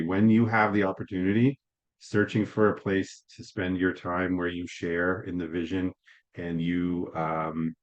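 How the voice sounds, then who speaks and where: A man speaking as a panelist in measured, rather formal wording over a video call. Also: sits low. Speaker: employer panelist. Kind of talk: panel advice talk. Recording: dull video call audio.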